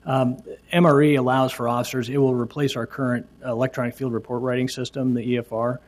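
A city official with a mid-range voice and little pitch movement answers council questions about a records system. His explanations are halting and hesitant, full of fillers and restarts.

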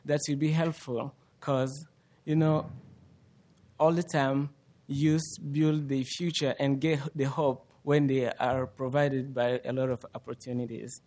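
Giving testimony as part of a public speech, this Congolese teen student speaks with a Congolese accent and plenty of hesitation. His pitch is medium, his tone mellow, and he talks flatly and without hurry.

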